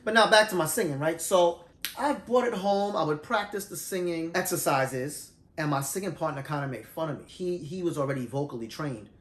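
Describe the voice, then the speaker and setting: A middle-aged man telling his singing story in a loose, animated, conversational way, teaching as he goes. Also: on the high side, fairly quick. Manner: animated, self-described shy introvert, loose and conversational. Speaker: vlogger sharing singing tips. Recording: roomy echo.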